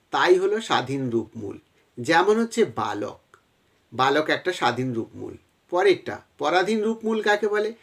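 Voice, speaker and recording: A man teaching a grammar lesson to exam students, explaining step by step and addressing them directly, with a West Bengal Bengali accent. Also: a little high.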